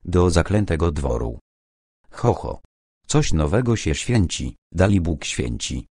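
A man's voice: deep voice, very animated, unhurried, a little mellow, husky, dry recording, clean studio sound, exaggerated voice. A man voicing a scheming, servile male estate steward in an old-time audiobook, muttering and grumbling his asides.

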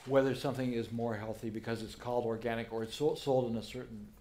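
A man's voice: mid-range voice, steady tone, quick pace, a little mellow. A man moderating a panel discussion, prompting the guests in a conversational way. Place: large auditorium stage.

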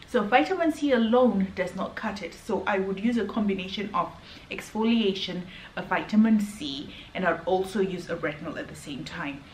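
With a medium pitch, lively intonation, and moderate pace, a beauty vlogger in her thirties talks earnestly about skincare to a camera at arm's length, often restarting, since English isn't her native language. She's indoors in a hotel room where the sound echoes over a faint hum.

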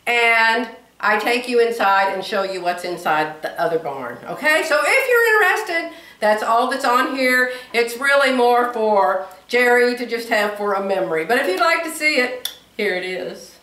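A woman's voice: a little high, very animated, moderate pace, bright, forceful tone, no room sound. An older woman narrating a casual vlog, chatty and exclaiming often, laughing as she films outdoors at a building site. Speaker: vlogger. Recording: outdoor camera audio with noise.

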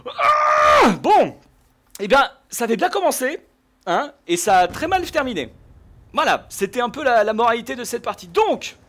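A young man giving casual gameplay commentary, chatting to viewers and bursting into angry shouts when he loses. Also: extremely high pitch, moderate pace, a little hiss or hum. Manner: excitable, bursts into rage shouts. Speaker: gaming YouTuber.

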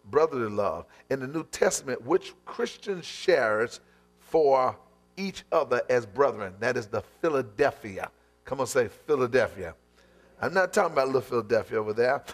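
A male pastor preaching a sermon in church, leading the congregation in call-and-response and stretching out emphatic phrases. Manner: calls for the congregation to repeat phrases, asks "what?" for them to fill in; drawn-out emphatic phrasing, building in pitch toward the end.

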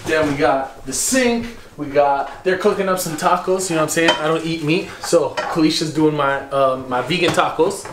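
Young male vlogger, casual slang-heavy house tour, slightly high voice, camera mic indoors. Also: moderate pace, hardly any pauses, noisy background. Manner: laid-back slangy banter, walking and pointing things out.

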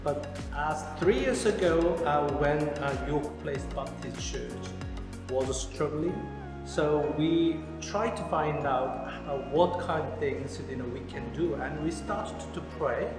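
Korean guy pastor, 40s, halting english with lots of ums, big echoey church hall. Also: on the high side. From South Korea. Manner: halting non-native English with many fillers. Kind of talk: interview. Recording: echoey hall with background music.

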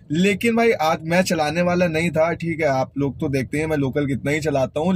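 A chatty young man talks straight to his viewers in a relaxed vlog. He drives for a ride-hailing service, and his voice sits a little high for a man. He keeps calling his audience friends and brothers. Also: slight background noise. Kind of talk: casual vlog talk to camera.

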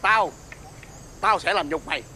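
Cockfight boss, gruff and bossy, tense bright voice, high for a man. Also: measured pace, slight background noise, heavily acted. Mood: threatening. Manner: gruff, threatening, barks orders. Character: bullying male cockfight ring boss, menacing. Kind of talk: TV fairy-tale drama acting.

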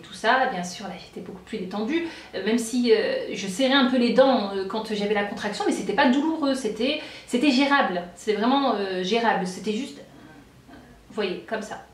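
A woman in her thirties chats to her viewers in a fast, animated rush, her voice a touch high. She acts out the lines she quotes, with plenty of fillers and restarts. The sound is roomy and echoey, picked up from some way off the mic. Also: recorded from a distance. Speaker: vlogger. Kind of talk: casual storytelling vlog. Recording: roomy echo, away from the mic.

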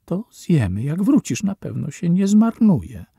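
A man doing a worried mother in an audiobook who keeps softly insisting. her voice is pushed up high over the reader's low, dark tone, with a gravelly edge in a dry room. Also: huge pitch swings, unhurried, no echo, full character voice. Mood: coaxing. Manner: pleading, softly persistent. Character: anxious, insistent mother in a wartime shelter, woman.

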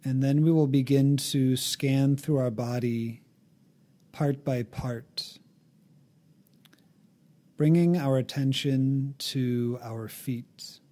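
In a calm, gently instructive manner, a man guides listeners through a meditation. His voice is medium in pitch, and he lets long pauses fall between phrases.

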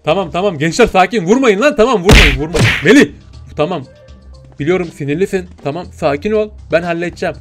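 A man hosting a game parody video in character as a commander, bossy and excitable, barking orders and chatting in slang. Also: high-pitched, quick pace, over loud music. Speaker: gaming video host.

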